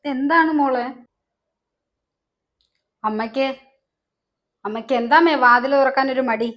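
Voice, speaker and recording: Falsely sweet, high-voiced young daughter-in-law who will not take no for an answer, played by a woman. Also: unhurried, fairly bright tone. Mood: insistent. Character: pushy young daughter-in-law with a menacing streak. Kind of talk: short-film family drama acting.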